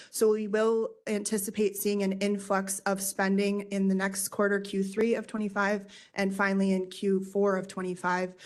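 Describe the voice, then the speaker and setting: A woman giving a formal prepared presentation in front of an audience at a public meeting. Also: mid-range voice. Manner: formal, addressing a room. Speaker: consultant presenter. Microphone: meeting microphone.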